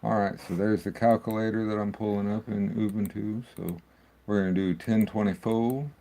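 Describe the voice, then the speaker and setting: Tech host, male, deep gravelly voice, rambling and loose. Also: fairly even intonation, normal speed, warm tone. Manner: rambling, thinks aloud with restarts. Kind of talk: casual screen-recording walkthrough.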